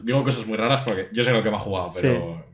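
A man in his thirties with a Castilian Spanish accent, a guest chatting casually while opening cards, relaxed and reading card names aloud. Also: lowish voice, very fast. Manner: relaxed, speaks in loose fragments, reads card names aloud. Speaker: guest, shop colleague. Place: indoor streaming room. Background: faint background music.

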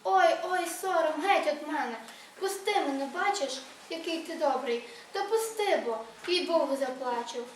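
A woman's voice: high voice, normal speed, a little hiss or hum, lightly acted. A woman reading aloud voices a tender, frightened young village girl with a pleading tone. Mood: flustered. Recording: echoey room, read from far off.

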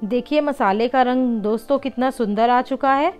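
High, smooth-voiced woman cooking host. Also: moderate pace, a little mellow, muffled recording, faint music behind. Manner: patient, explains each step, often addresses viewers as friends. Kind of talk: step-by-step recipe voice-over.

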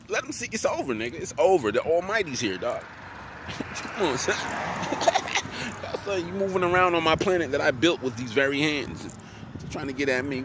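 A man's voice: medium pitch, a bit bright. A man giving a profane, rambling street monologue outdoors, chuckling often as he talks. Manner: profane, loose, breaks into frequent chuckles. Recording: street traffic noise behind.

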